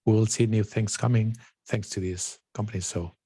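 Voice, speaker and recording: A man's voice: lowish voice, steady tone, moderate pace, mellow, breathy edge, dry recording. A man on a tech panel, speaking fluently and often tagging his points with "right?". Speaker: panel guest. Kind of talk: panel discussion.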